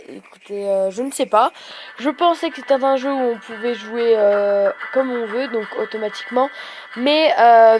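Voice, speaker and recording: A young woman commenting casually on a mobile game she plays, chatty and hesitant, bursting out excitedly at her wins. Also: a little high, slight background noise. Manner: chatty, rambling, many hesitations. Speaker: gaming video host.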